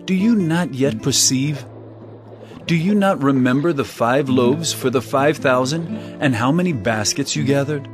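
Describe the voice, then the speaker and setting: An actor playing Jesus as a grave, commanding teacher, speaking with solemn, earnest emphasis. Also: male voice, medium pitch, measured pace, lightly acted. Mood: probing. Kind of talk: audio drama acting. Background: guitar music.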